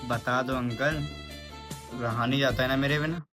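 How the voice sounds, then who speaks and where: A man's voice: mid-range voice, steady tone, moderate pace, over loud music, voice pushed down, close to an everyday voice. A man doing a cheeky whiny son. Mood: teasing. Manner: teasing, wheedling.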